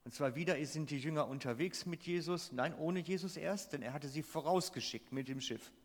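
A man's voice: on the high side, moderate pace. A man preaching a sermon, emphatic and putting questions to the congregation. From Switzerland. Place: church hall. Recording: long reverb of a church hall.

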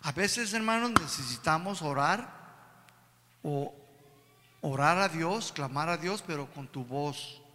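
A man delivers an emphatic sermon, calling again and again to his brothers. His voice sits high and has a sharp, forceful edge. It rings out with a long reverb, as in a large hall. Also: animated, slow pace, long pauses. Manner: emphatic, keeps addressing the congregation as brothers. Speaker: preacher.

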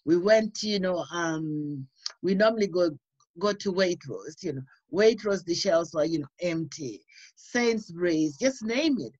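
A woman's voice: on the low side, darkish tone, no room sound, lo-fi sound. A woman from Uganda, a radio guest, earnestly telling her faith story with frequent "you know". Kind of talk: personal testimony.

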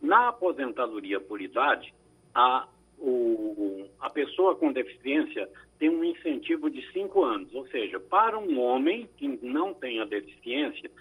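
Husky-voiced man explaining legal advice. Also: mid-range voice, lively intonation, phone-quality sound. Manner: measured, explanatory, frequent tag questions. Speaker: lawyer answering listener questions. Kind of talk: radio call-in advice. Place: radio studio.

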